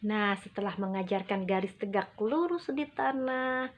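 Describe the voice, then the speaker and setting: A woman gives instructional talk to parents as an early childhood educator, over-enunciating with deliberate, emphatic phrasing and short pauses. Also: medium pitch. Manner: acts out parent and child quotes. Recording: muffled, dull lo-fi audio.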